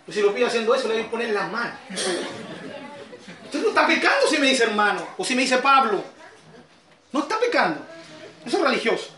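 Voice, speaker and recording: A man with a Chilean accent, a pastor giving a sermon, swinging from quiet asides to shouted, emphatic peaks. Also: very high voice, very animated, a little fast, long pauses, echoey room, far from the mic. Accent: Chilean Spanish.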